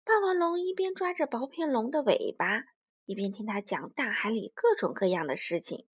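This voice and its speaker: A woman's voice: fairly high pitch, lively intonation, moderate pace, slightly rough. A woman narrating a children's story expressively, voicing the sound effects herself.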